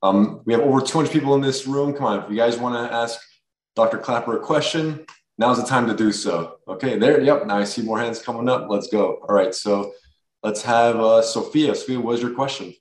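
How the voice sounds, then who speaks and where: A man moderating an online Q&A, briskly inviting the audience to ask questions. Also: medium pitch, recorded from a distance. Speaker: event moderator. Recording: roomy, off-mic sound.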